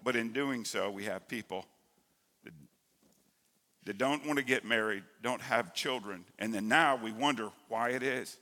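A man preaching a sermon as pastor, emphatic and rising to loud stresses, heard in an echoey church hall. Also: medium pitch, measured pace. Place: church sanctuary.

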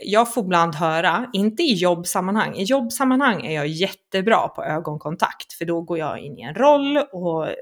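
A woman in casual chat, an animated storyteller who acts out quoted reactions. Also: lowish voice.

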